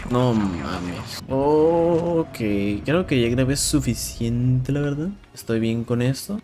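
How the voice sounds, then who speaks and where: A young man with a Mexican accent giving casual, excitable commentary while playing a shooter game, swearing and repeating words. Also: medium pitch. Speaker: gameplay streamer. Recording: game sounds and noise in background.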